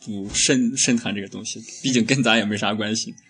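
A man's voice: on the low side, fairly even intonation, brisk, a bit bright, slightly rough, faint music behind. A young man hosting a casual comedic chat, ranting with heavy profanity and frequent laughs. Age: young adult. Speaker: host.

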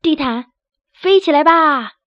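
A woman voicing a loud-mouthed, bossy field mouse villain who scolds and grumbles. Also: high voice, a little fast, no echo, close to an everyday voice. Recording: dry, slightly dull recording.

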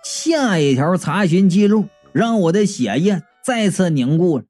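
Lively woman telling a comic story. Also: on the low side, measured pace, faint music behind. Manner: animated, comic, exclamatory delivery. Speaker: audiobook reader.

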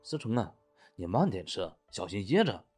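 A man voicing a kind young man who gently looks after a little girl, speaking softly and indulgently, with faint music underneath. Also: lowish voice, sing-song, normal speed, husky, voice pushed down. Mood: gentle coaxing. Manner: soft, coaxing, indulgent.

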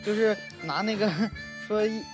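A man chatting casually as a co-host, chiming in with quick asides. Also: sits high, music in the background. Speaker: live-stream co-host. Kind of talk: casual chat.

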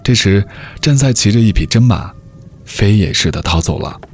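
Low male storyteller, measured and even, reading a folk tale over soft music. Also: breathy edge. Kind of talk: scripted narration of a folk tale. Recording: faint background music.

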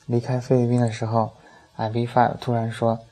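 A man's voice: medium pitch, completely flat delivery, normal speed, warm tone, low-quality recording. A man narrating a humorous first-person travel story, dry and comic in his delivery.

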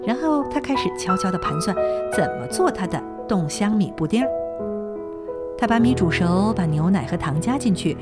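Woman reading a kids story, super animated, clear music under it. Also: mid-range voice, normal speed. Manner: lively, expressive reading. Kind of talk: children's story narration. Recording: narration over clear music.

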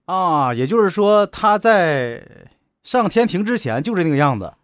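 A man co-hosting a casual chat, chiming in with quick agreement. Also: sits high, big pitch swings, dry recording, clean studio sound. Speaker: co-host.

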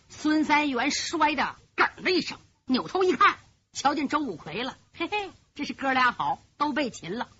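A woman's voice: high voice, pushed and bright. A woman telling a traditional martial arts story in a vivid, dramatic way. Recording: dull lo-fi recording.

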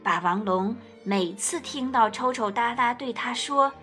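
A woman reading a picture book aloud as a storyteller, gentle and expressive. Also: fairly high pitch, a little slow, soft background music.

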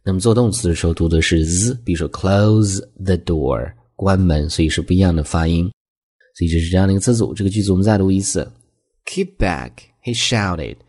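Husky, low-voiced male English teacher. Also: warm tone. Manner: reads English example lines slowly and higher, explains quickly in Chinese. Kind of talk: scripted language lesson.

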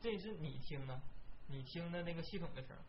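A man acting as sound technician, calmly explaining the audio routing in a matter-of-fact way. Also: fairly high pitch, brisk, slight background noise. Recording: dull lo-fi stream audio.

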